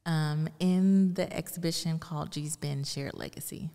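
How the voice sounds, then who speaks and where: Speaking low and steady at a normal speed, this Houston-born art curator, a middle-aged American woman guesting on an interview, answers casually with a gravelly, mellow voice. The setting is an indoor art gallery with noticeable reverb, and she talks into a close boom-arm podcast mic while wearing headphones.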